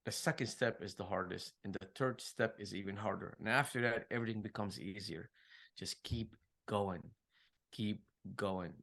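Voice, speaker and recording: A man's voice: on the low side, normal speed, vocal fry, fairly bright tone. A middle-aged man with a Middle Eastern accent, co-hosting a podcast and giving earnest advice in casual chat. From Middle East. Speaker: podcast co-host.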